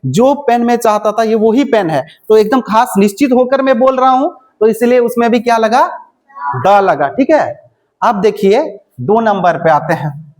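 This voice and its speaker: A woman's voice: on the high side, lively intonation, unhurried, darkish tone. A woman teacher explaining grammar in a classroom style, constantly asking her students questions and repeating the answers.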